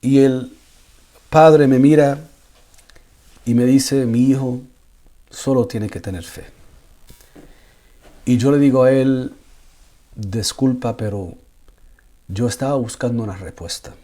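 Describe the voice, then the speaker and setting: Imam giving a personal testimony, warm low-toned voice, repeats words, builds to fervent pleading. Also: male voice, slow, long pauses.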